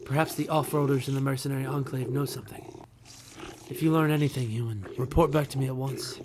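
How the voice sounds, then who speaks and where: A man voicing a solemn, proud fish-like alien father from a space game in formal, measured phrases. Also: medium pitch, steady tone, background noise, lightly acted. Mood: worried, pleading.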